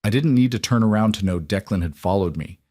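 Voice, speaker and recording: Low-voiced man reading a story. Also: fast, warm tone, dry recording, studio quality. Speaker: narrator. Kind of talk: scripted first-person story narration.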